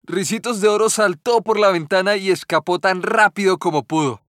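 A man narrating a children's fairy tale in a gentle, measured storytelling manner. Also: high-pitched, no room sound, clean studio sound.

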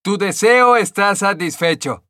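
A man voicing a kindly female fairy godmother who grants wishes in a raised, bright, solemn voice in a storybook reading. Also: high voice, measured pace, no room sound, clean studio sound, voice pushed up. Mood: solemn granting.

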